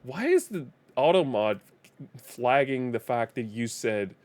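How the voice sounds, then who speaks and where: A Danish man, whose first language is Danish, gives chatty live-stream gaming commentary in English with a Danish accent, laughing often and repeating words as he restarts. His medium-pitched voice is expressive, a little slow and darkish in tone.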